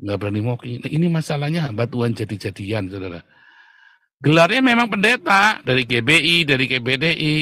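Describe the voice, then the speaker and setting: A man's voice: medium pitch, animated, brisk, pushed and bright, no echo. Blunt mocking man preaching. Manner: mocking, blunt, laughs often. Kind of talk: combative preaching talk.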